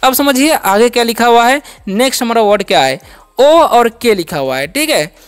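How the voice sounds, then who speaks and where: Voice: medium pitch, animated, normal speed, clear, resonant tone, soft background music. Patient teacher drilling English words. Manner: patient, asks and answers own questions; repeats each word for drilling. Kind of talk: step-by-step spelling and pronunciation lesson.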